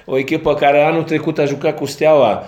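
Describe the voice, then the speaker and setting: A man's voice: on the high side, fairly even intonation, a little mellow, highs cut off. Frank male football coach, roomy echo. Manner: frank, rueful and self-critical. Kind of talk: post-match press conference.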